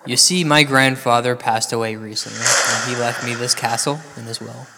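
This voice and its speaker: Drenched in long reverb, a man acts out a paranoid male host of an audio drama about ghosts. He tells his tale like ominous late-night radio, at a middle pitch, rambling between self-pity and dry, dramatic asides. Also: level tone, normal speed, creaky, pushed and bright, slight background noise. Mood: ominous, wry storytelling.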